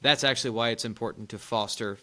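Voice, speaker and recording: Animated young man telling stories. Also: medium pitch, fast talker. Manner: animated storyteller, laughs often, rambling restarts. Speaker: podcast co-host. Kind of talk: casual chat, storytelling.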